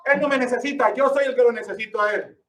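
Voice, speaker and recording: A man's voice: very high voice, steady tone, quick pace, a bit bright, echoey room, far from the mic, rough recording. A man preaching a sermon with emphasis, asking rhetorical questions and calling the listeners brother.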